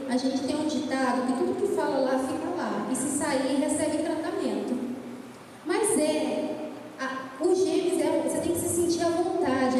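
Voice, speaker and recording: High-voiced woman, Brazilian accent, tongue-tied, informal church preacher, conversational, heavy hall echo. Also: dark tone. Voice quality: tongue-tied speech impediment. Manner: conversational, checking in with listeners. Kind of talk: informal youth sermon. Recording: very echoey hall, distant mic, faint noise.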